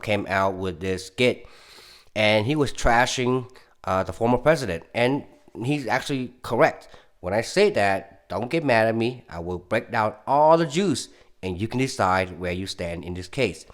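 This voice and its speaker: Rambling man giving political opinions. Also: on the low side. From California. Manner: rambling, with frequent restarts and stammers; gets heated and insistent. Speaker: political commentary YouTuber. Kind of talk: casual opinion monologue.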